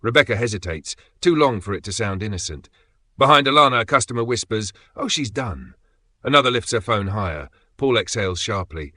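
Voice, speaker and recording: A man narrating a dramatic story in a steady, measured way with pauses for effect. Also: on the low side, dry recording.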